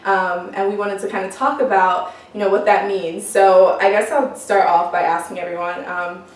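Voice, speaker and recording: A woman's voice: mid-range voice, level tone, normal speed. Young woman hosting a casual panel, easygoing and laughing, recorded far off in a very echoey room. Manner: laughs often, loose and chatty. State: sick. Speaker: podcast host. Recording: echoey room, mic far off, faint noise.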